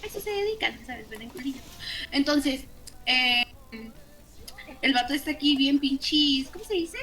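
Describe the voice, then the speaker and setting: A woman's voice: sits high, normal speed, faint music behind, poor audio. A young woman with a Mexican accent, chatting casually while gaming and telling stories with lots of profanity. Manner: profane, laughing, animated storytelling. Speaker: gamer. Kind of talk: casual gaming chat with storytelling.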